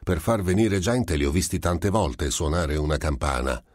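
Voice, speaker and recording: A man's voice: rumbling low, expressive, normal speed, no room sound, studio quality. A man reading the part of an irritable, suspicious merchant who answers rudely and defensively. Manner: curt, defensive, increasingly loud. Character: irritable suspicious male merchant, middle-aged.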